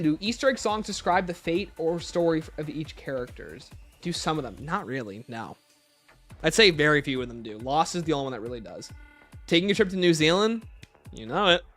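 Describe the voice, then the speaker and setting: A man hosting a casual livestream reads out chat questions and answers them conversationally, breaking off to greet and thank viewers. His voice is on the high side and a bit bright.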